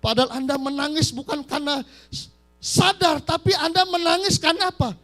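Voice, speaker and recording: High-voiced emphatic male pastor preaching. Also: steady tone, a little fast, a bit bright, soft background music. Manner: emphatic, keeps addressing the congregation as brothers and sisters; acts out quoted voices. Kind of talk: live church sermon. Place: church service.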